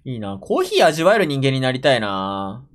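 A man's voice: medium pitch, sing-song, a little fast. A young man from Japan giving casual reaction commentary while watching, muttering to himself with frequent exclamations, recorded at home on a desk mic. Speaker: anime reaction streamer. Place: room at home, seated in a gaming chair.

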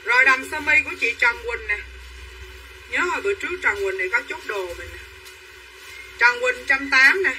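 High, piercing saleswoman on a livestream. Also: big pitch swings, moderate pace, pauses often, bright, forceful tone, far from the mic, poor audio. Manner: chatty, repetitive hard-sell patter, addressing buyers by name. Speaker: online clothing seller. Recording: voice a bit off-mic with faint room noise.

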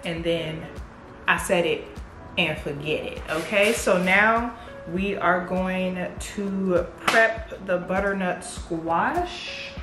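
A woman's voice: on the low side, slow, roomy sound, music in the background. A woman in her thirties chatting casually to viewers as she cooks in her home kitchen, recorded close on a camera mic. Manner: chatty and informal, talks straight to viewers. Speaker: cooking vlogger. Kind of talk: casual cook-with-me chat. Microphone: camera mic close up, handheld or on counter.

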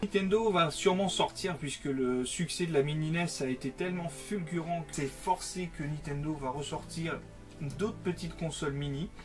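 A man's voice: fairly high pitch, moderate pace, over music. A man, chatting casually to camera as a teasing, talkative storyteller. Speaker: co-host of a video game collecting vlog. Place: small game-collection room indoors.

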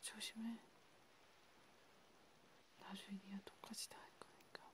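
A woman voicing a menacing grim reaper in a whispered role-play, scolding and threatening, slowly. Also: mid-range voice, flat delivery, lightly acted. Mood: cold, reproachful. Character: menacing female grim reaper punishing a sinner's soul.

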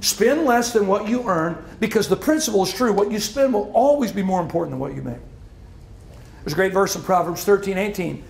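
Middle-aged preacher guy, high voice, punchy, repeats himself, echoey hall w faint hum. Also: fairly quick, gravelly. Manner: emphatic, repeats key lines. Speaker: pastor. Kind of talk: sermon. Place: church hall.

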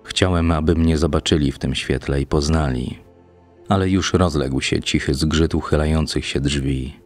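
A man reading a literary novel aloud as an audiobook narrator, in a measured, steady first-person narration. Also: very deep voice, faint music behind.

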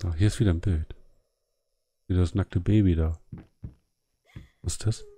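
A man's voice: low-pitched, fairly even intonation, moderate pace, warm tone. A man casually commenting on a horror game during a live stream, joking and chatting with his viewers.

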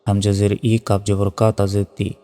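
A man teaching Quran reading, spelling out letters and vowel marks one by one and then chanting each word slowly. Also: fairly low pitch, monotone, mellow, long reverb tail. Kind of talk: step-by-step recitation lesson.

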